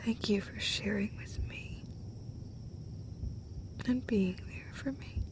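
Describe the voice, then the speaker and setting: Playing a loving girlfriend in an intimate comfort roleplay, a woman voices one side of the conversation with tender emotion. Her mid-range voice halts often and frequently sinks into a breathy whisper.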